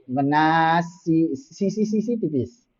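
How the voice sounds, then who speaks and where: Male tajwid teacher, corrective and patient, slow modeled chanting, muffled recording. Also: on the high side, expressive, a little mellow. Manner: patient, corrective, models recitation slowly then explains. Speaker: Quran recitation teacher. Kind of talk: tajwid lesson with call-and-response drills. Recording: dull lo-fi sound.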